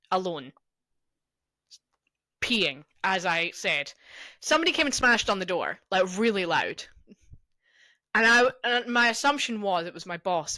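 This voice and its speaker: A young woman co-hosting a podcast, telling stories with a bright voice and a pitch that swings up and down a lot. She swears casually as she chats. The recording is dry and close. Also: no room sound. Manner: chatty storyteller, swears freely. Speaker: podcast co-host. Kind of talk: casual chat.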